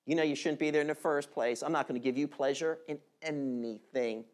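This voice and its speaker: A man voicing God as a stern figure who scolds the comfortable, dropping lower and firmer than his own voice. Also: a little fast, natural voice.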